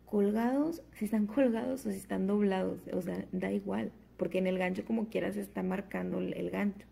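A woman's voice: mid-range voice, gravelly, mellow, husky. A young woman vlogging casually at home, rambling and chatty with lots of fillers, just out of bed. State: just woke up, fasting. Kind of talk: casual chat to camera.

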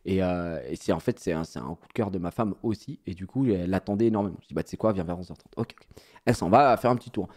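A man telling a story casually to his viewers, in an animated, slangy way, often laughing at himself. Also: deep voice, fast talker. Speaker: streamer.

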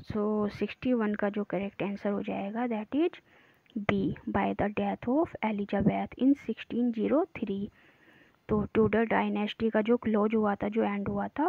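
A woman teacher works through practice exam questions, reading each question out slowly and deliberately before explaining it more quickly. The recording is dry and narrow, like a phone line. Her voice sits at an ordinary middle pitch. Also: dry recording.

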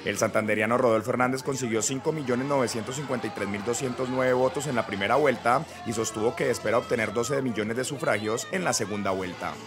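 A man's voice: medium pitch, over music. A man reading a formal news report as a voice-over. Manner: measured, formal.

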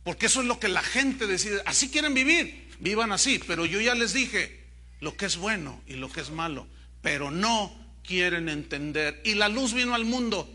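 A Mexican pastor with a Mexican Spanish accent preaching a sermon, swinging from loud questions to hushed asides. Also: male voice, high voice, animated, moderate pace.

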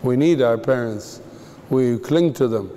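A man from the Middle East delivers a sermon at a slow, unhurried pace, stressing his points with deliberate pauses. His mid-pitched voice carries a long reverb from a large hall. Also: warm tone. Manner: measured, emphatic teaching with pauses. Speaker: preacher.

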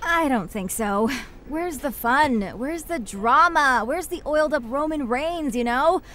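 A woman's voice: sits high, animated, unhurried, fairly bright tone, slight background noise. A woman playing a bubbly young wrestling superfan in a video game, chatty, geeky and enthusiastic. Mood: playful, insistent. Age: young adult. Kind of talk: animated video game character acting.

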